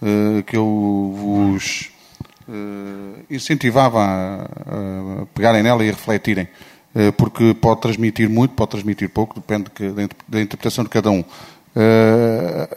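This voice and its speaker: A man's voice: lowish voice, darkish tone. A man with a European Portuguese accent giving opening remarks at a literary event, hesitant and full of fillers. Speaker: festival organizer.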